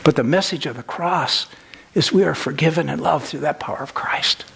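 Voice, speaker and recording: A man preaching a sermon, earnest and storytelling, slowing down for emphasis. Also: fairly high pitch, vocal fry, fairly bright tone, husky.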